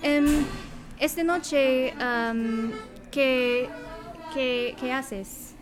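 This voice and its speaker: An American woman interviewing casually in halting beginner Spanish, a native English speaker who searches for words and giggles easily. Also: sits high, steady tone. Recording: music behind the voice.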